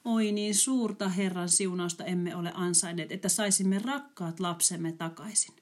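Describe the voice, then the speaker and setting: A woman's voice: fairly low pitch, lightly acted. A woman reading as a grieving farmer father. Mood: mournful. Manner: mournful, heavy. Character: grieving middle-aged father, sorrowful farmer.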